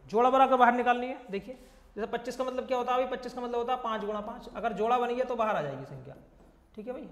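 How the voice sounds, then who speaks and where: A young man teaches exam-prep math, repeating each step and constantly calling his viewers friends and brother. His voice sits very high. The recording rings out with a long, hall-like echo. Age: young adult. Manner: repetitive, keeps addressing viewers as friends and brother. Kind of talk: explaining math at a board. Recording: echoey room with long reverb.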